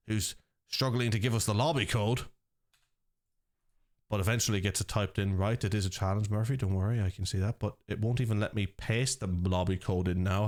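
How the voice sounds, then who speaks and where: An Irish man casting and running a live esports stream, chatting and joking with viewers in a lively way over faint background music. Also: fairly low pitch. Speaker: esports caster and organiser.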